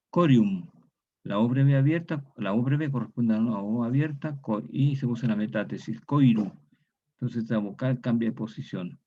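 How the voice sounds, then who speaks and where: A man with a medium-pitched, dark-toned voice gives an online lecture on historical grammar. He repeats each key word and often tags his statements with a question. The recording is dull and lo-fi.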